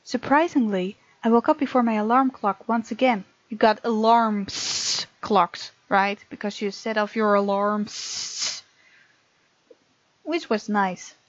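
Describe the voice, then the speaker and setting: In a dry recording, a woman with a steady, mid-range voice speaks at a measured pace. She's hosting a let's play, reading game text aloud and casually reacting to the story, with game music under a muffled lo-fi mic.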